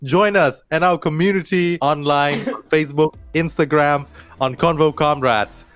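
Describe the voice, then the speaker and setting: Man signing off a podcast over soft music. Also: on the high side, fairly even intonation, a little slow. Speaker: podcast host. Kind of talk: casual podcast outro.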